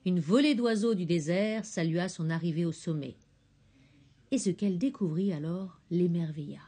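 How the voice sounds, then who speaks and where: A woman narrating a children's storybook, expressive and gentle. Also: fairly low pitch, normal speed.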